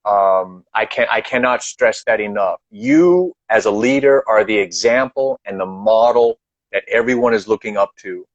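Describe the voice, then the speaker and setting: A man's voice: lowish voice, big pitch swings, normal speed, dry recording. Emphatic guest speaker, man, repeats points, dull dry call audio. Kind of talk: earnest advice in a live online chat.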